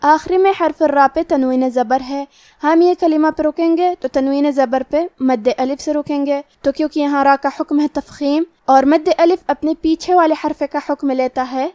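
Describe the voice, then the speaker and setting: A woman teaching Quran recitation rules, explaining each letter step by step in a methodical, measured way. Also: high-pitched, mellow, no room sound. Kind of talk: tajweed lesson, explaining rules then reciting slowly.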